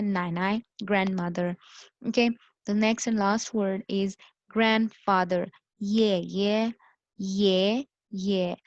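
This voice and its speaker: Slow, patient woman teaching vocabulary. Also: mid-range voice, no echo. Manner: repeats each word slowly for the learner to copy; mixes English into explanations. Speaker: language teacher. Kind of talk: recorded language lecture. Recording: dull lo-fi recording.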